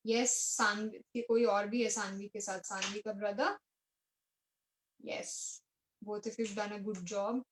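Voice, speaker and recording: Slow, patient Indian woman teacher. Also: mid-range voice, steady tone, slight background noise, low-quality recording. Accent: Indian English. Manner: patient, coaxing, repeats instructions, mixes Hindi and English. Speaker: art teacher. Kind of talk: online art class for children.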